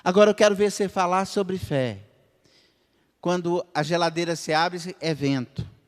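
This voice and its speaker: A male pastor with a Brazilian Portuguese accent from Minas Gerais delivers a lively sermon, acting out little dialogues between God and his listeners. His voice sits fairly high for a man, jumping to loud, high exclamations and then sinking into low, quiet asides. The long reverb of a church hall trails after every phrase. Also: moderate pace.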